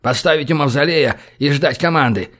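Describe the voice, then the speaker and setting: A man's voice: fairly high pitch, moderate pace, lightly acted. A man reading an audiobook, voicing a domineering male leader who barks orders, then coaxes the woman he loves. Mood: commanding. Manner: gruff commands, then soft coaxing. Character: domineering middle-aged male leader, brutal yet doting.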